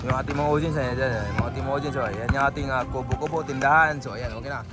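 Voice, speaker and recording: A woman vlogging excited play-by-play of a neighborhood basketball game, breathless, calling out plays and teasing the players. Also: very deep voice, fast talker, over loud music.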